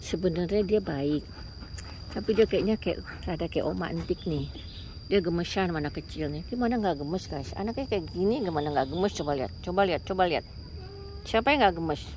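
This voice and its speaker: A woman in a casual vlog who coos and playfully scolds her pets and calls to them in sudden high tones. She talks to her viewers between calls. Faint crickets and outdoor noise sit behind her. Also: animated, brisk, darkish tone. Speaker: vlogger.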